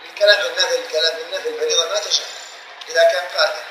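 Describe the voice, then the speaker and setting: This male Islamic law teacher takes his time explaining, repeating illustrative phrases and stretching them out so the examples are clear. His fairly high voice is steady, pushed and bright, heard in a roomy space with a little hiss or hum on a rough recording.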